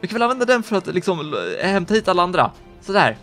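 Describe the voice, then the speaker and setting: A man giving excitable, fast-reacting commentary on a video game he is playing. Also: sits high, soft background music. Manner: excitable, quick reactions, gasps and laughs. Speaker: gaming YouTuber.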